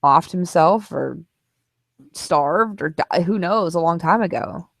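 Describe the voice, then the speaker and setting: A woman's voice: fairly low pitch, slow pace, gravelly, dry recording. A woman co-hosting a casual book club discussion, frank and opinionated about what she read.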